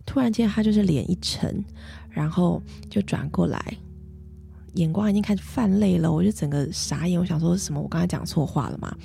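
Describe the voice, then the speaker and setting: A woman, gently and reflectively telling a personal story as a mother, with many soft fillers. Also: lowish voice, brisk, creaky, soft background music. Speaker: mother and vlogger.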